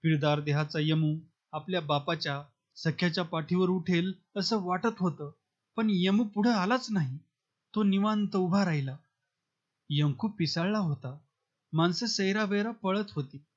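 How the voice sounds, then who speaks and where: A man narrating a novel in a steady, measured storytelling manner. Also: high-pitched, lo-fi sound. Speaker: audiobook narrator. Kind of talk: novel reading.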